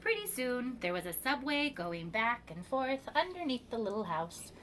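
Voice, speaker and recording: A woman reading a children's picture book aloud as a preschool storyteller, with expressive, measured delivery and emphatic pauses. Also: on the high side, slight background noise.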